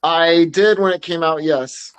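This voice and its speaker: Fairly high-pitched and clean, his voice holds a steady tone at a slightly slow pace. As a podcast co-host in casual chat, he sounds hesitant and often begins sentences anew.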